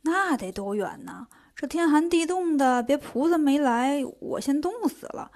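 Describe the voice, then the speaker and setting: A woman's voice: high-pitched, expressive, unhurried, darkish tone. A woman voicing a fussy male monk who nags and grumbles. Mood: grumbling. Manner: nagging, petulant.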